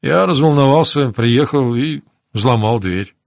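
A man reading the lines of a kind, steady man caring for a friend in hospital, speaking gently. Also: medium pitch, a little slow, vocal fry, dry recording, clean studio sound. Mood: gentle. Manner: gentle and warm. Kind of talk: audiobook character reading.

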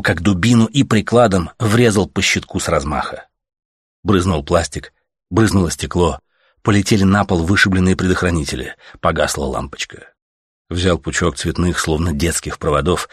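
A man's voice: low-pitched, breathy edge, dry recording, studio quality. A man narrating an audiobook in terse, clipped sentences.

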